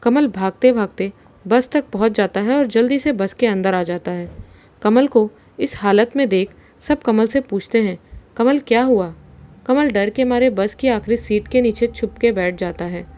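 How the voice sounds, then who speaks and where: A woman narrating a horror story in a steady, suspenseful storytelling manner. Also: medium pitch, moderate pace.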